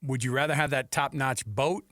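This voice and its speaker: An American man hosts sports talk radio casually and conversationally, speaking close to a studio radio microphone. His medium-pitched voice is fairly bright, at normal speed, with no echo.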